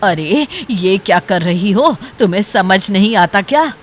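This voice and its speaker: A woman's voice: medium pitch, expressive, measured pace, slight background noise, natural voice. A woman voicing a harsh, scornful older mother-in-law in a cartoon story. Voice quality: cutting, contemptuous. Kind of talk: cartoon voice acting.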